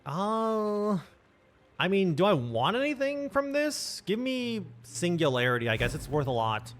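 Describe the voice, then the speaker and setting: A man giving casual commentary on a game stream, thinking aloud and muttering asides as he plays. His voice sits a little high and swings up and down a lot. Faint game music plays behind him. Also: very animated, unhurried.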